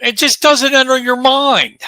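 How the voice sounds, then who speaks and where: A man's voice: very high-pitched, unhurried, pushed and bright, no room sound. A man in his late fifties co-hosting a casual sports talk show, chatty and joking with rhetorical questions. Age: 50s. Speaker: co-host.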